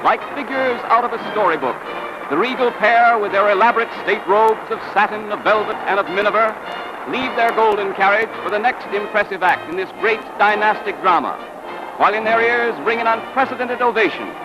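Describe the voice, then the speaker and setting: A man's voice: sits high, a little fast, lo-fi sound. A man narrating an old newsreel in a grand, declamatory manner. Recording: old newsreel soundtrack with loud music.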